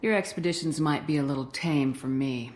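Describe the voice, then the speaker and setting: A woman's voice: sits low, a little fast, darkish tone, natural voice. An actress playing a confident, blunt female space commander in a video game. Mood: assured. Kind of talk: video game character acting.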